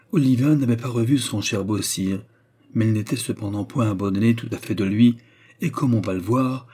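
Male audiobook narrator, dark husky voice, steady storytelling. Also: lowish voice. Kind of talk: scripted narration of a classic novel.

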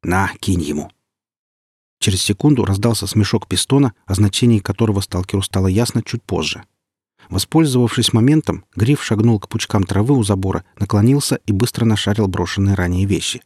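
A man reading an audiobook in an even, descriptive style. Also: lowish voice, brisk, husky, no echo, studio quality. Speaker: audiobook reader. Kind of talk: scripted narration.

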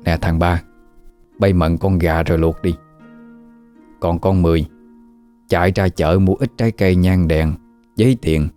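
A man's voice: low-pitched, fairly even intonation, a little slow, long pauses, warm tone, clean tone, soft background music. Man playing a stern old village shaman woman. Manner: stern, commanding.

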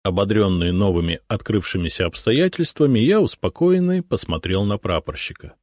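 A man narrating a first-person audiobook in a measured storytelling way with expressive intonation, close to the microphone. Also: lowish voice, no room sound.

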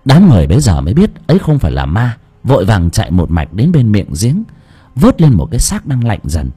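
A man narrating an audiobook story in an expressive way. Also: on the low side, fairly quick, slightly rough.

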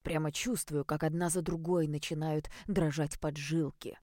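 A woman's voice: low voice, steady tone, normal speed, dark tone, lightly acted. A woman voicing a smug, condescending man who speaks in a lazy, drawling way. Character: smug, mocking male ruler posing as a boyfriend.

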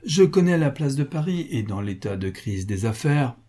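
A man's voice: medium pitch, big pitch swings, moderate pace, dark tone, pitched above the performer's own voice. A man voicing a cold, sardonic wealthy creditor who speaks with false friendliness in an audiobook reading. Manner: mocking, falsely friendly, cruel.

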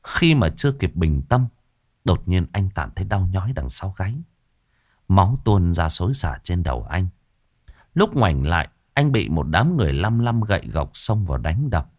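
A man's voice: sits low, very animated, moderate pace, darkish tone. A man narrating a scripted story in a dramatic storytelling manner.

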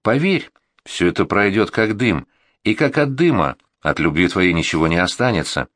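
A man voicing a gentle weary woman of twenty-eight. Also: sits low, lively intonation, moderate pace, dry recording, studio quality. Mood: tender. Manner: gentle, soothing, quietly firm.

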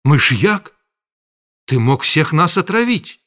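A man's voice: mid-range voice, animated, measured pace, fairly bright tone. Man voicing a fretting kindly housewife. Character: worried kindly middle-aged housewife.

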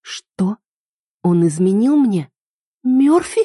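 A woman voicing a desperate young woman in love, pleading in high, strained, near-shouted lines. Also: animated, slow pace, husky, dry recording, clean studio sound. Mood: distraught.

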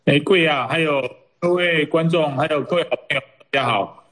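A man, an ambassador answering interview questions in a measured way, with many hesitations. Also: a little high, a bit bright, poor audio. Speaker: ambassador, remote guest.

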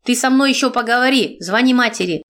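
A sharp-tongued middle-aged godmother from a storybook, scolding in a coarse, loud voice that jumps high. A woman narrator acts her out. Her pitch rises well above the reader's own. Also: quick pace, lightly acted. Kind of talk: audiobook reading.

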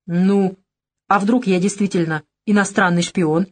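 A woman's voice: mid-range voice, steady tone, a little slow, close to an everyday voice. Brief: female reader voicing a bashful young man, polite and unsure, close to her own voice. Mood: earnest. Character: shy, earnest young man, hesitant. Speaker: audiobook character. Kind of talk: audiobook dialogue reading.

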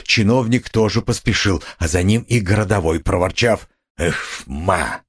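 A man narrating an audiobook in an expressive, dramatic way, recorded in a studio. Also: fairly low pitch, moderate pace, slightly rough. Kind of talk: scripted narration.

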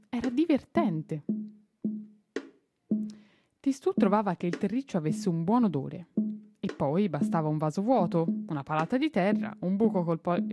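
Mellow-voiced woman reading a children's story. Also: medium pitch. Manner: expressive, unhurried, with small slips and self-corrections. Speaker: reader of a children's novel. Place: radio studio.

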